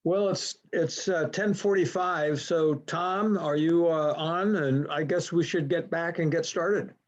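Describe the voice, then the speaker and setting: A man's voice: fairly high pitch, fairly even intonation, a little slow. A man moderating a program on a video call, easygoing and hesitant, with many fillers. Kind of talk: casual chat on a video call. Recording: dull lo-fi video call audio.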